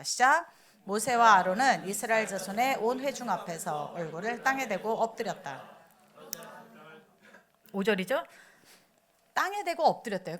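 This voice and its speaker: High, lively woman preaching a sermon. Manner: conversational, asks the congregation questions; acts out quoted outbursts in raised voice. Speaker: missionary preacher. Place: church.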